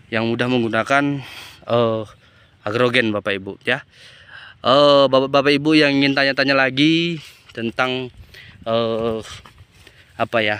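Filming with a phone held at arm's length in a chili field, a farming channel host records a casual vlog for farmers. He has a smooth, mid-range, fairly bright voice and speaks hesitantly, repeatedly addressing his audience.

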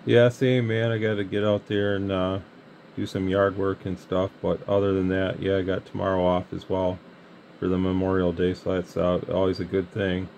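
A CB radio hobbyist and channel host from Michigan chats casually in an American Midwestern accent. His voice is low-pitched and gravelly at a normal speed. He's at an indoor radio bench, with steady hiss and radio noise behind him.

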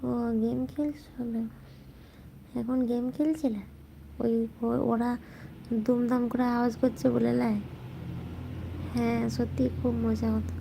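A woman hosting a casual late-night live chat, talking softly and answering viewer comments as they come in. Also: fairly high pitch, level tone, unhurried, gravelly, pauses often, slight background noise. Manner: speaks softly so as not to wake sleeping family. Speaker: live stream host chatting with viewers.

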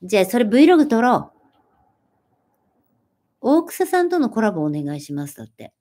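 A woman's voice: on the high side, normal speed. A woman in her forties talks casually to her livestream audience. She reads out viewer comments and answers them in a friendly way, sometimes poking fun at herself. Her voice moves up and down a lot as she talks. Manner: animated, friendly, self-deprecating. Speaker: livestream host.

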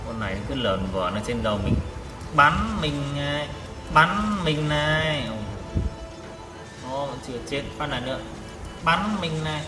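Slightly high-voiced and a little slow, with long pauses, a man narrates his tank game session live as a gaming vlogger, exclaiming and repeating brief phrases. The sound is distant and reverberant, picked up in an echoey room over loud game music.

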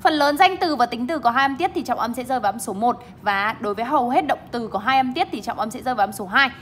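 A young woman English teacher with a bright, clear voice, speaking a little higher than most women. She explains word stress in a bilingual classroom style, leaning hard on stressed syllables as she models each word. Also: lively intonation, quick pace, slight background noise. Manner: emphatic, stresses syllables while modeling words.

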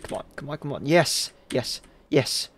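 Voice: mid-range voice, expressive, normal speed, fairly bright tone, a little hiss or hum. A livestreamer giving rambling, self-mocking live commentary while playing, swearing and raging at the game.

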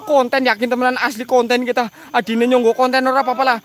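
A man with a very high voice for his sex and a Banyumas Javanese accent narrates a ghost-hunting vlog from an outdoor garden. He groans and pleads on and on, repeating his exclamations. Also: little pitch movement, fast, fairly bright tone. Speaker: mystery vlogger. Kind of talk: comic ghost-hunting live commentary.

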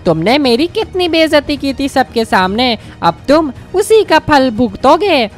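A woman's voice: high-pitched, sing-song, unhurried, soft background music. A woman voicing a scrawny, vengeful male Hulk king in a game story, sneering and menacing.

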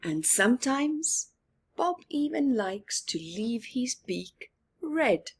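Reading picture books to children from a small living room at home, a storyteller speaks very slowly in a husky voice that's a little high with big pitch swings. She's deliberate, leaning on dramatic pauses and emphasis, and adds expressive asides to her young viewers.

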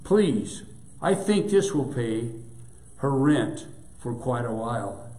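An earnest, humble woman quietly pressing her case, slow and pleading, voiced by a male preacher. The words echo around a reverberant church. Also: mid-range voice, lively intonation. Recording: echoey church room.

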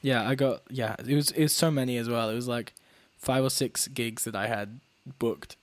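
A man's voice: mid-range voice, fairly even intonation, moderate pace, no room sound. A man co-hosting a casual podcast, talking loosely with lots of fillers and frequent laughs. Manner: chatty, laughs often, trails off with fillers. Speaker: podcast co-host. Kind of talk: casual chat.

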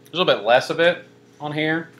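A man's voice: fairly high pitch, quick pace, a bit bright, slight background noise. A young man casually reviewing a pizza on camera, rambling with lots of fillers and dry self-mocking asides. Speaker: food reviewer. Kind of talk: casual food review vlog.

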